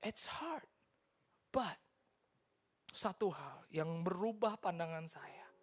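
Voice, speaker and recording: A woman with an Indonesian accent giving an earnest personal testimony in church, switching between Indonesian and English and sinking into soft near-whispers. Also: on the low side, lively intonation, slow.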